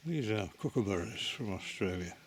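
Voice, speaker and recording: A man with a lowish voice chats his way around an animal centre, thinking aloud and breaking off mid-sentence as he points his camera at the enclosures. He is recorded outdoors on a handheld camera, with bird calls and open-air noise clearly audible behind him. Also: lively intonation, moderate pace. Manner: chatty, musing, self-interrupting. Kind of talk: casual walking commentary.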